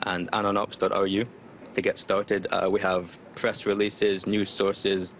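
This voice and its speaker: A man speaking through a disguise that makes his voice sound deeper. He is a spokesperson answering interview questions over a remote call, defiant and loose, with many fillers. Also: flat delivery, a little slow, fairly bright tone, slight background noise. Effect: voice disguised lower. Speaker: spokesperson for online activist group. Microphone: remote call connection.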